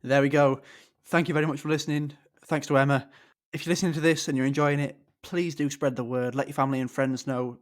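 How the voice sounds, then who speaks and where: A man's voice: mid-range voice, little pitch movement, fast talker. Friendly man hosting a podcast. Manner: friendly, rambling, informal. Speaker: podcast host. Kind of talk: podcast interview and outro.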